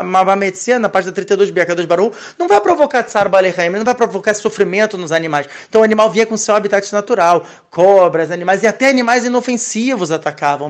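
Animated high-voiced man teaching Torah. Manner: animated, expressive teaching, sprinkled with Hebrew terms. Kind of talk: casual religious lesson.

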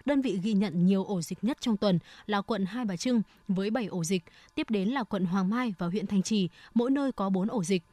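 A woman reading scripted radio news in a formal, measured announcer manner. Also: medium pitch, dark tone, dry recording.

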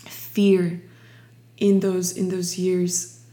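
A woman's voice: lowish voice, monotone, warm tone. A young woman from Ukraine sharing her personal faith testimony in an interview, reflective and full of restarts. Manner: slow, reflective, many restarts.

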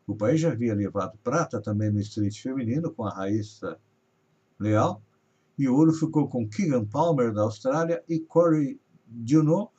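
A man's voice: medium pitch, normal speed, warm tone, slightly rough. Man reading news, dull lo-fi sound. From Brazil. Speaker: news host. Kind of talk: reading regional news on a live show. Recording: dull lo-fi audio.

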